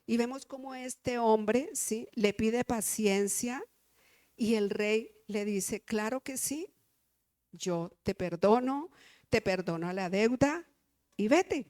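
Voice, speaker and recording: A woman's voice: fairly high pitch, slow, a little mellow, no echo, studio quality. A woman with a Colombian Spanish accent preaching an earnest sermon in church, often checking in with the congregation.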